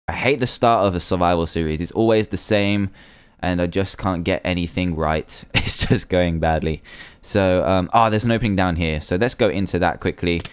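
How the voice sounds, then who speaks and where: A man's voice: low voice, normal speed, smooth, no room sound. Nervous young man narrating gameplay. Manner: nervous, chatty, easily panicked. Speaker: gaming video creator. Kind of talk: casual gameplay commentary.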